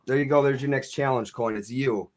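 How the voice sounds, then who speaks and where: A man's voice: medium pitch, fairly quick. A man co-hosting a casual livestream chat, making dry, grumbling jokes. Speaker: livestream co-host.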